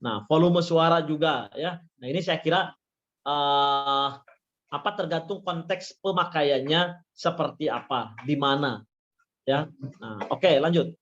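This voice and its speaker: This male university lecturer talks a little slowly in a voice that's on the high side and fairly bright. Presenting slides in a webinar with dull lo-fi sound, he repeats himself and relies on "ya" and "nah" as fillers.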